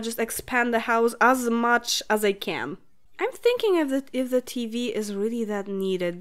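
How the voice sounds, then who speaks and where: Unhurried, higher-voiced woman playing a game. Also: clear, resonant tone. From Poland. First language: Polish. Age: late 20s. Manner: chatty, thinks aloud, giggles often. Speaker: gaming channel host. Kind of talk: let's play commentary.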